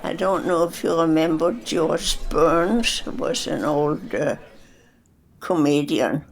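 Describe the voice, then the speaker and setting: A woman's voice: deep voice, slow, vocal fry. A hundred-year-old woman from Denmark, plainly recalling her life in a documentary interview. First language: Danish. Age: 100s. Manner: plainspoken, matter-of-fact reminiscing.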